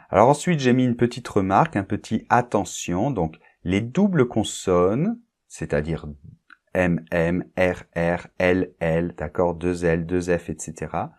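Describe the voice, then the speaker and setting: Slow, lively-pitched male French teacher. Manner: patient, repeats example words, checks understanding often. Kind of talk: pronunciation lesson.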